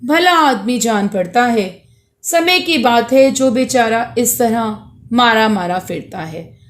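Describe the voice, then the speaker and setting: A woman's voice: fairly high pitch, animated, slow. A woman teacher reading a story aloud and patiently explaining its words to her students. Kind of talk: reading and explaining a school lesson.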